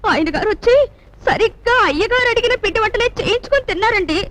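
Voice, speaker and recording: An actress playing a simple, tearful housemaid in a film, telling a story in a plaintive way. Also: female voice, very high-pitched, expressive, fast talker, fairly bright tone. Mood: storytelling. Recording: film soundtrack with music underneath.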